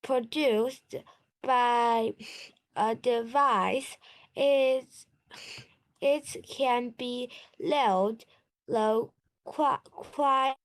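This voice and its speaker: Female student, very slow, halting read-aloud on a video call, higher voice. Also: poor audio. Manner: hesitant, halting reading. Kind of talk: reading aloud in an online lesson.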